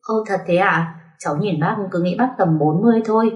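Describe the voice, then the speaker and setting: A woman's voice: lowish voice, a little fast, a little mellow, muffled recording, lightly acted. A woman voicing a timid young woman of about twenty who speaks hesitantly. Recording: roomy echo.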